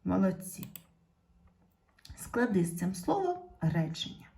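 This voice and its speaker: Her medium-pitched voice is very animated, warm, and touched with vocal fry. A primary school teacher, she gives a video lesson to young pupils, talking to them directly in a slow, patient, encouraging way.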